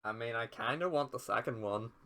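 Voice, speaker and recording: A young man co-hosting a podcast who teases his friend with dry, offhand jokes. His voice sounds bright and sharp. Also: mid-range voice, fairly quick. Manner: teasing, dry quips. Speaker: podcast co-host. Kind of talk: casual chat.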